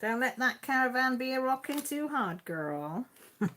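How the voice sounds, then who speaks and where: With a high, fairly bright voice that swings widely in pitch, a woman speaks unhurriedly over slight background noise. She hosts a casual live chat on her YouTube channel in a Mid Wales Radnorshire accent, reading out comments. Her manner is homely and chatty, full of laughter.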